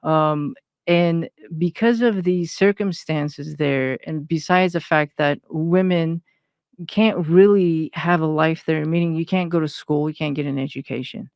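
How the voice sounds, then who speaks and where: A woman's voice: deep voice, measured pace, darkish tone, clear, resonant tone, dry recording, clean studio sound. A woman from Iran, a consultant giving an interview, talks hesitantly with many fillers and restarts. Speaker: guest, intuitive consultant. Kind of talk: personal interview talk.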